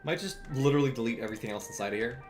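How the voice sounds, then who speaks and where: A man in his twenties rambles through casual chat on a live stream while drawing, full of fillers and restarts and frequent chuckles. His medium-pitched voice races along, with faint background music.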